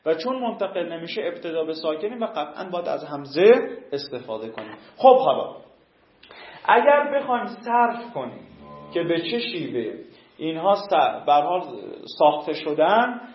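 A male teacher explaining a lesson step by step, asking questions and answering them himself, and slowly chanting word forms. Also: on the high side, sing-song. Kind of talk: classroom lesson. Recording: echoey room, dull lo-fi sound.

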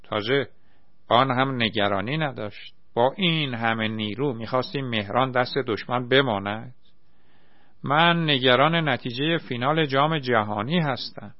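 A man doing a brash, shouting young soldier. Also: medium pitch, no echo, highs cut off, lightly acted. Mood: indignant. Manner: loud, exclaiming, shouting. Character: excitable young male soldier, football-mad, brash.

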